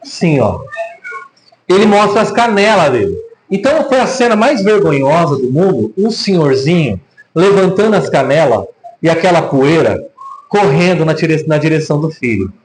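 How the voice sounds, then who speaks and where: In an echoey church hall, a man with a Brazilian Portuguese accent preaches a sermon, telling a story animatedly and asking many rhetorical questions. His voice is a little high and sing-song at normal speed, with slight hiss or hum.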